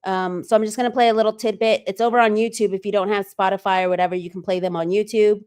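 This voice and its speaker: A woman's voice: mid-range voice, steady tone, fast talker, darkish tone, clear, resonant tone. A woman hosting a casual livestream, chatting loosely and reading viewer comments aloud with frequent ums. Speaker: livestream host.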